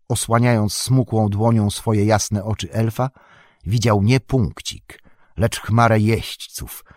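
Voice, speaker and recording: A man narrating a fantasy audiobook in an even, unhurried storytelling manner. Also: on the low side, husky, no room sound, clean studio sound.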